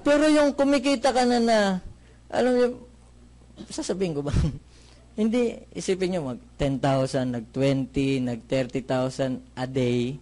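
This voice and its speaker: A man from the Philippines giving a lively testimonial talk, telling his story with jokes and asking the audience questions. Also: a little high, measured pace, pauses often. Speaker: motivational speaker giving a testimony.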